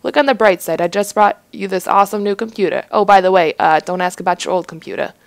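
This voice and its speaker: A woman's voice: mid-range voice, quick pace, vocal fry, dry recording, natural voice. A woman voicing a laid-back young bro roommate who talks in casual dude-speak. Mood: breezy.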